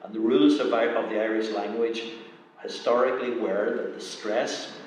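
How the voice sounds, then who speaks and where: A man giving a measured, explanatory lecture presentation on poetry, pausing often with "uh". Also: lowish voice, steady tone, a little hiss or hum. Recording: echoey hall, mic at a distance.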